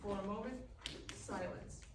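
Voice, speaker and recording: A woman with a mid-range voice reads a little slowly, narrating a screenplay's action lines as the stage-direction narrator at a live festival-room table read. The recording carries faint noise and room echo, captured from a distant mic.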